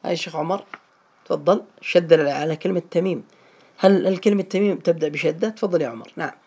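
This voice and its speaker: A man's voice: fairly high pitch, quick pace, warm tone, breathy edge. A man teaching a small class, patient and often checking that his students follow.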